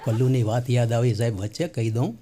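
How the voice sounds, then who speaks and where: A man's voice: mid-range voice, fast talker, over a noisy crowd, very noisy. Chatty man telling jokes. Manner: chatty, addresses listeners as sir, acts out voices. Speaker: stand-up comedian. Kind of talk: comic joke telling.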